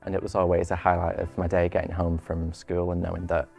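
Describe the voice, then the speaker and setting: Deep gravelly young man. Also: completely flat delivery, brisk, warm tone, faint music behind. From Wigan, England. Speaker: interviewee.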